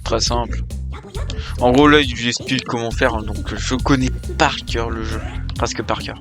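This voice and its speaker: A young man who makes gaming videos chats with viewers in casual let's-play commentary, rambling and correcting himself as he goes. His pitch is medium, his tone steady, and his pace moderate, with game music playing in the background.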